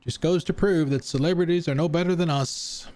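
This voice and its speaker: A man's voice: fairly high pitch, fairly even intonation, brisk, a little mellow. A man streaming a video game, chatting casually in a rambling, hesitant way with many fillers. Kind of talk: casual gameplay chat.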